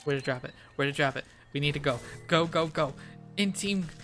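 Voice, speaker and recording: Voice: mid-range voice, a little fast, fairly bright tone. A gamer giving casual, rambling let's-play commentary, laughing often and reading game text aloud, with game music behind. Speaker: gamer, channel host.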